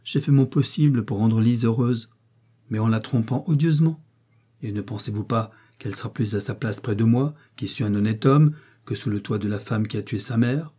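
A man reading an audiobook, voicing a domineering, coldly ironic prince with a dark, husky voice. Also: fairly low pitch, normal speed. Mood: cold, commanding. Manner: commanding, cutting and sarcastic.

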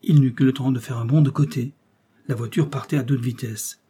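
A man giving steady, measured audiobook narration of a classic novel. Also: medium pitch, slightly rough.

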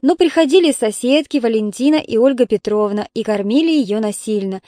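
A woman narrating an audiobook in a measured, somber way. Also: fairly high pitch, dark tone, dry recording, studio quality. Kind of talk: scripted narration.

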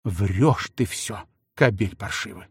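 A man's voice: slow pace, gravelly, slightly rough, no room sound, clean studio sound, exaggerated voice. A man voicing a furious jealous princess who screams insults at her husband. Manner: screaming insults, shrill and frantic. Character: furious jealous young princess, shrieking wife.

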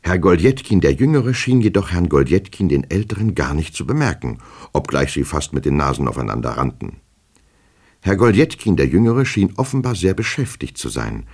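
Deep gravelly male storyteller. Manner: measured, expressive storytelling. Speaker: reader. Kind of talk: literary audiobook reading.

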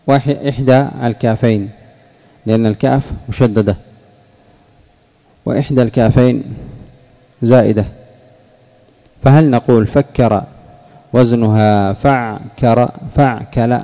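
Gravelly man teaching a slow lesson. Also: medium pitch, warm tone. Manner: slow, deliberate, repeats key words for students. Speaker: sheikh teaching Arabic morphology. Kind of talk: classroom lesson with questions to students. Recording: dull lo-fi lesson recording.

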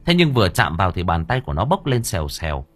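A man narrating an audio story in a vivid, expressive way. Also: low voice, fast, soft background music.

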